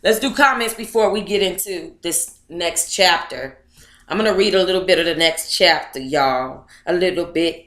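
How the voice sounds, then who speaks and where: A woman with a lowish, fairly bright voice hosts a casual livestream from an echoey room, reading her own book aloud. She talks to viewers in a playful, slangy, chatty way.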